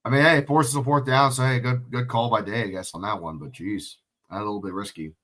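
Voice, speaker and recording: Sick and sniffly, a man does solo play-by-play of a football game on a livestream, speaking fast in a mid-range, fairly bright voice with a steady tone. He's casual and chatty, swears, and answers questions from chat.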